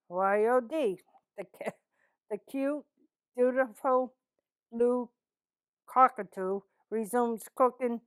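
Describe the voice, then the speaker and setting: A woman's voice: on the high side, clean tone, no echo. A woman in her seventies from East Boston with a Boston accent and a plainspoken manner. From East Boston, Massachusetts, USA. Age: 70s. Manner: plainspoken, short blunt answers. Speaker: interviewee. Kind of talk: reading test sentences and answering interview questions.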